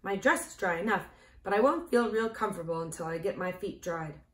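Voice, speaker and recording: A woman's voice: mid-range voice, fairly quick, fairly bright tone, natural voice. A woman voicing an earnest, curious young farm girl in a storybook reading, with a raised, wide-eyed tone, in a roomy, echoey recording. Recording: roomy echo.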